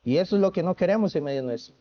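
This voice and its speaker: A Costa Rican man preaches an earnest sermon, often restarting phrases and asking the congregation questions. His voice sits a little high for a man. The church recording sounds dull and lo-fi. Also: animated, racing. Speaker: pastor.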